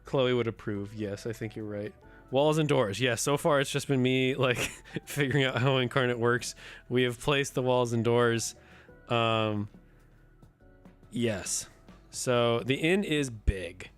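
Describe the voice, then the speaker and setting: A man streaming live with a sick, rough voice. He chats casually and thinks aloud as he builds a map, often counting under his breath. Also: mid-range voice, slow pace, soft background music. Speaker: streamer and host.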